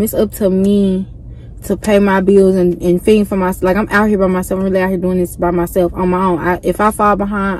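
A woman's voice: medium pitch, low-quality recording. A young woman from Memphis, chatting candidly to her vlog camera from inside a parked car, with lots of "like" fillers. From Memphis, USA. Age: young adult. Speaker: vlogger. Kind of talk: casual vlog chat. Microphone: camera mounted near the dashboard.

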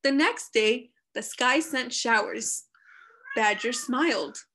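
A woman reads a children's picture book aloud in a measured, expressive way. Her voice sits a bit high, and she takes her time over each phrase.

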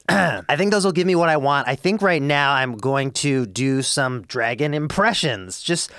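A young man, congested with a head cold, chats upbeat about his sound design in his home music studio for a casual tutorial vlog; he's a music producer and YouTuber. His medium-pitched voice has lively intonation, a slightly slow pace, and a fairly bright, clean tone.

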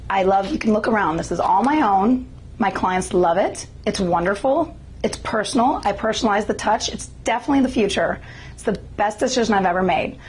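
A woman's voice: mid-range voice, a little hiss or hum, rough recording. A young woman, a salon suite owner, speaking with delight and emphasis in a small salon. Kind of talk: testimonial interview.

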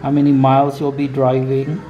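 An older man who vlogs about RV travel sits at his home dining table and talks casually to a fixed camera across from him about planning a road trip, slowly, with strong opinions and occasional chuckles. His mid-range voice is delivered completely flat. The sound is roomy, narrow, and tinny.

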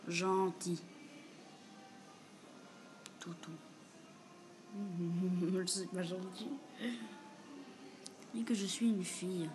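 A woman casually chatting with a chatbot on camera at home, reading its replies aloud and often dropping to a quiet, half-whispered mutter. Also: on the low side, level tone, drawn-out words, long pauses, music in the background. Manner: reads the bot's replies aloud and answers them. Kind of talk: casual gaming commentary. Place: room at home with a door.

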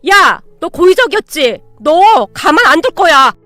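A hotheaded, greedy young ex-boyfriend, as a woman narrator puts him on blusters and yells in a high, strained voice. The recording is dry and close, with faint music underneath. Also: expressive, normal speed, no echo. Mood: furious. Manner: shouting, drunk and demanding.

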